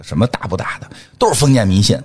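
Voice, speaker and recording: A middle-aged man speaks with a Beijing accent in loose, colloquial podcast chat. His pitch swings around dramatically as he jokes and repeats short phrases. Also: big pitch swings, fast talker, slight background noise. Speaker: podcast host. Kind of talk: casual chat.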